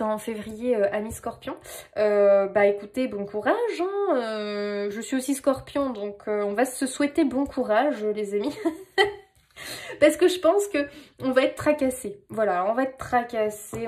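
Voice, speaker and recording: A woman's voice: fairly high pitch, a little mellow. A woman with a French accent giving a casual, playful tarot reading, talking with lots of fillers. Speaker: tarot reader.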